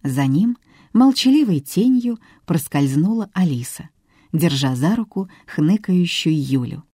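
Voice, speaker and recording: A woman narrating an audiobook in an even, measured reading. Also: fairly low pitch, breathy edge, no room sound, clean studio sound. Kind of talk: scripted narration.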